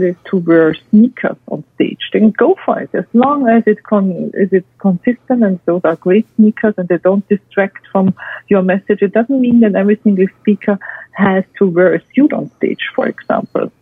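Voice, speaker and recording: A woman's voice: mid-range voice, breathy edge, dry recording. A woman with a non-native English accent gives structured expert advice, emphatically listing and repeating her points. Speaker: guest expert and speaker. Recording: tinny phone-like line, dry.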